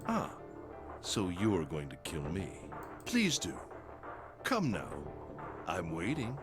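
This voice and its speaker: An actor playing a gloating, sadistic slasher killer in a video game, coldly polite and formal. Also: male voice, sits low, wildly swooping pitch, slow, exaggerated voice. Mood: taunting. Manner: slasher killer relishing his words, formal and menacing. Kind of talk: dramatic video game voice acting. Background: game music.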